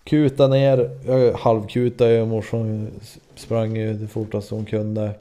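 Swedish guy in his 20s rambling through a story, swears a lot, low warm voice. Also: little pitch movement. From Sweden. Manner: loose and rambling, heavy on fillers and swearing. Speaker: podcast host. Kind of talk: casual storytelling.

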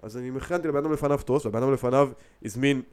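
A young man chatting casually on a podcast. He tells lively stories from work and acts out the customers' lines himself. His voice sits at an ordinary middle pitch. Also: clear, resonant tone. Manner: animated storyteller acting out customers' lines. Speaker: podcast co-host. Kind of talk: casual chat.

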